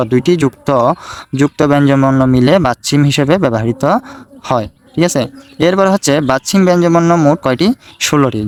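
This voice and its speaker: A man with a Bangladeshi Bengali accent teaching a casual language lesson, repeating himself and often checking that listeners follow. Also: mid-range voice. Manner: repetitive, checks in with "ঠিক আছে?". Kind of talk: casual screen-recorded lesson.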